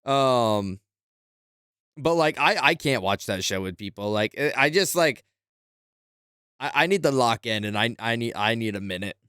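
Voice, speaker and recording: Brief: young male gamer, casual rambling chat, middle-pitched, hesitant, swears freely. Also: expressive, unhurried, long pauses, pushed and bright, clean tone, no room sound, studio quality. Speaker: gaming streamer. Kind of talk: casual chat while playing.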